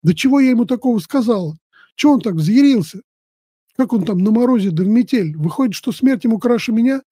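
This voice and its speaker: A man's voice: very high voice, lively intonation, fast, warm tone, breathy edge, no room sound, studio quality, exaggerated voice. A man voicing a fretful, jealous young village wife who scolds shrilly and pleads tearfully, in a storybook reading.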